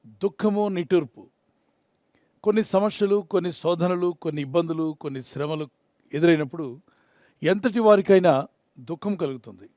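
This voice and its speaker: A man preaches in a high, earnest voice. He pleads with the listeners and leads them in prayer. The sound is dry and close, with no room echo. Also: a little mellow. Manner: earnest, pleading, mixes in English phrases. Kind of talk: Telugu sermon with prayer.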